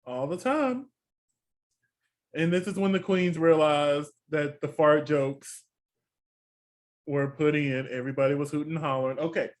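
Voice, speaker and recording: Co-hosting a laid-back TV recap podcast, this Texan man talks in a fairly high voice, unhurried and with long pauses. He's chatty, with sassy asides such as "honey," and his Texas accent comes through.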